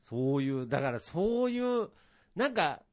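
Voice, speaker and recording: A man's voice: a little high, very animated, measured pace, a little mellow. A man co-hosting a podcast, chatting casually in a polite, hesitant way, with many fillers. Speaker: podcast co-host. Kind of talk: casual chat.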